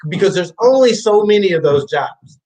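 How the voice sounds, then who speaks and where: A man from Ohio hosting a podcast conversation, talking casually and haltingly, with many fillers and restarts. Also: sits high, expressive, darkish tone, poor audio. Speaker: podcast host.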